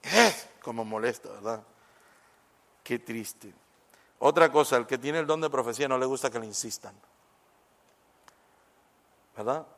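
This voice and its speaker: A man preaching a sermon, lively and conversational, acting out little exchanges and dropping in English phrases. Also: mid-range voice, unhurried, gravelly, long pauses. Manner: animated, acts out little dialogues, mixes in English phrases.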